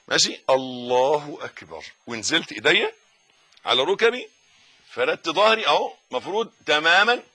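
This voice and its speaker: A man's voice: fairly high pitch, breathy edge. Emphatic Egyptian man teaching religion. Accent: Egyptian Arabic. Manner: emphatic, wide swings between loud insistence and soft murmured recitation. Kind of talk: religious lesson.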